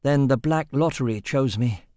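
A man's voice: mid-range voice, moderate pace, mellow, dry recording, studio quality, close to an everyday voice. A man voicing a sick, weary male engineer held captive, with a cough in his lungs. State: coughing, ill.

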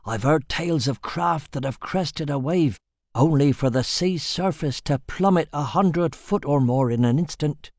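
A man voicing a superstitious old male sailor who tells dark tales in a hushed, foreboding way. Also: on the high side, unhurried, no room sound, studio quality, pitched above the performer's own voice. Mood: ominous. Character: old male sea dog, superstitious and ominous.

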